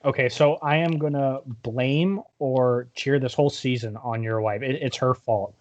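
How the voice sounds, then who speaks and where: A man's voice: medium pitch, steady tone, normal speed, a little mellow, muffled recording. A man with a mid-range voice co-hosts a casual sports podcast. He gives blunt opinions, swears often and leans on the filler "like". His talk is loose and conversational. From Canada. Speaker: podcast co-host.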